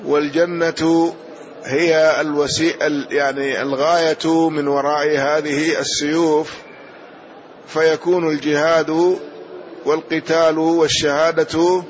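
A man teaching a hadith lesson, explaining each point in a measured way and often pausing on "na'am". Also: fairly high pitch. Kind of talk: slow explanatory lesson commentary. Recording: dull lo-fi recording.

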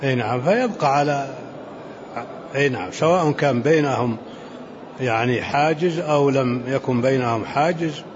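A man, a sheikh giving unhurried commentary in a religious lesson, dropping into softer asides. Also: mid-range voice. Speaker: sheikh commenting on a fiqh text. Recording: muffled lo-fi recording with faint hiss.

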